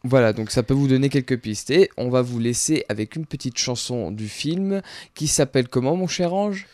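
A male radio host talking about films in a relaxed, chatty way, stumbling often over filler sounds and restarting his sentences. His voice sits at an ordinary pitch and is recorded close and dry in a studio, with no room sound at all. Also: normal speed, no room sound. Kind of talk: casual radio film chat.

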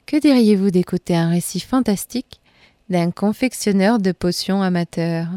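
A woman host giving measured, scripted narration. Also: medium pitch, warm tone, no echo, clean studio sound. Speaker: radio host.

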